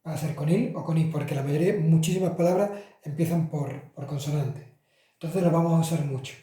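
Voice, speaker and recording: In a casual classroom explanation, a man with a fairly high, mellow voice and a slightly fast delivery teaches Italian articles to Spanish speakers. He's chatty, using fillers and correcting himself. The recording is distant from the mic and echoes around the room.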